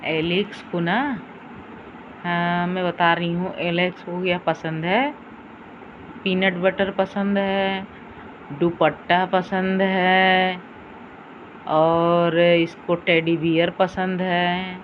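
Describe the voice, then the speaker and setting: A woman filming her pet dog, mixing cooing baby talk with sharp high commands. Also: flat delivery, slow pace, long pauses, muffled recording, slight background noise. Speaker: dog owner. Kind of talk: casual pet vlog.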